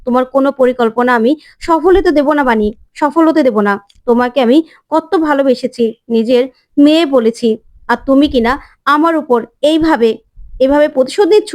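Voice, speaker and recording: A woman's voice: high-pitched, normal speed, a little mellow, no echo, clean studio sound, close to an everyday voice. A woman voicing an angry middle-aged mother-in-law who accuses her daughter-in-law in a storybook retelling. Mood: bitter accusing.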